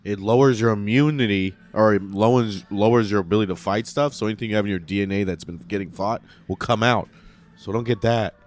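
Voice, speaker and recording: A man's voice: fairly low pitch, fast talker, few pauses. A man in his thirties, a comedian chatting casually in a bar and slipping into silly bits. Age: 30s. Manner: jokey, drifts into silly bits. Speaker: guest comedian.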